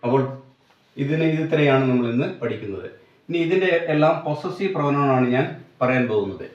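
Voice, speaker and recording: A man with a Malayali accent teaching English grammar, explaining slowly and deliberately and mixing English terms into Malayalam. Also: medium pitch, animated. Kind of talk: grammar lesson. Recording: echoey room, dull lo-fi sound.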